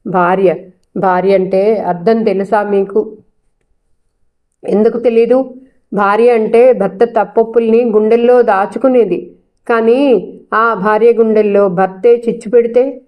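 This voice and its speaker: A woman's voice: fairly high pitch, fairly even intonation, a little slow, long pauses, muffled recording, natural voice. A woman voicing a proud, defiant young wife with a cutting, sarcastic way of talking.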